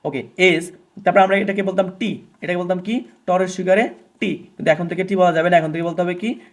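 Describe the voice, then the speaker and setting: A man's voice: high voice, steady tone. Man teaching a basic grammar lesson. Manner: asks questions and answers them himself; repeats sounds slowly for students to copy. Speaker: English teacher.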